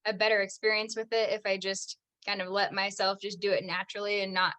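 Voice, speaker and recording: Her voice is mid-range and level in tone, bright and forceful, moving at a quick pace. She's a young American actress chatting on a podcast, a casual interview in which she uses "like" constantly and laughs frequently.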